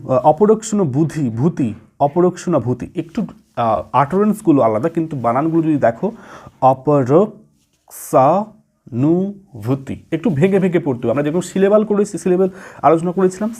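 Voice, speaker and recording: A man giving an exam-prep lecture from home, reading English definitions slowly and then explaining them in quicker talk with fillers. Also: on the high side, mellow. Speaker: teacher.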